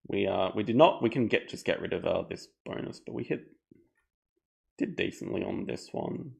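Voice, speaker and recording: A man streaming a board game live, thinking aloud in a relaxed, chatty way. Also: fairly low pitch, moderate pace, creaky. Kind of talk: casual live game commentary.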